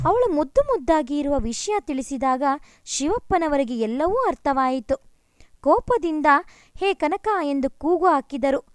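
A woman's voice: high-pitched, sing-song, unhurried, darkish tone, dry recording, studio quality. A woman narrating a family story, reading steadily and expressively.

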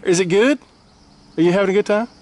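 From a small fishing boat on a canal, a fishing guide coaches and cheers his clients with excited, repetitive praise in a high, fast voice. An action camera mounted on the boat records him outdoors, along with wind and water noise.

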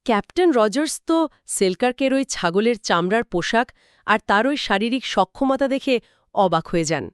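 Woman, co-host, smooth clear voice, fairly high, dry close recording. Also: expressive, moderate pace, dry recording. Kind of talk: scripted two-host history chat.

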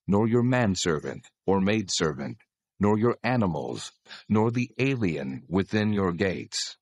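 Husky, solemn God laying down law. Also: male voice, sits low, darkish tone, dry recording, heavily acted. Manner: measured, solemn, authoritative. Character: God, solemn commanding divine lawgiver. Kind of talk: dramatized scripture acting.

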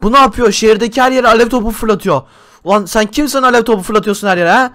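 Young male YouTuber, high bright-ish voice, excitable, shouts a lot during game role-play. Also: quick pace. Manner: excitable, shouts and exclaims often. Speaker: YouTuber host. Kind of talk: Minecraft role-play with commentary to viewers.

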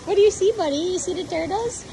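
A young woman vlogging on a sailboat, talking casually and cooing in a high sing-song voice to her puppy. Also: fast talker, creaky, noisy background. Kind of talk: casual vlog chat and voice-over. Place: outdoors, on a small sailboat.

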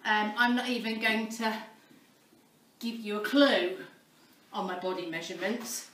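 A woman's voice: medium pitch, measured pace, a bit bright, roomy sound, recorded from a distance, rough recording. A woman filming a casual vlog about starting to exercise, a little out of breath and self-deprecating, with many ums. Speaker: vlogger documenting a fitness start. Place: barn, indoors.

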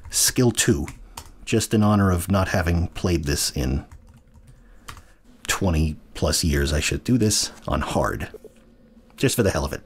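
An American man in his thirties talks through a game as a casual let's-play host, often trailing off and correcting himself. His voice sits very low with a husky edge. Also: expressive, unhurried, long pauses. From United States. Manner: rambling, self-correcting, chuckling asides. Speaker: gaming channel host.

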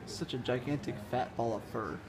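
Holding his phone in hand, a young man vlogs casually from inside a cafe, giggling and using baby-talk on the cats around him. His voice sits at medium pitch with a moderate pace. The phone audio picks up room noise.

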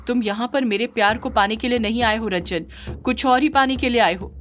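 A woman's voice: on the high side, a little fast, a little hiss or hum, lightly acted. A woman voicing a devoted, defiant female yakshini spirit in an audio horror story, speaking firmly. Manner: firm, defiant.

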